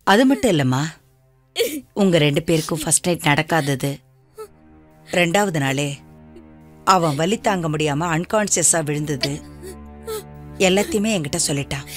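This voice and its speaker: An actress playing a brisk woman doctor who scolds staff sharply and questions a patient firmly but gently. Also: sits low, faint music behind, natural voice. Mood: coaxing. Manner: stern, then gently coaxing.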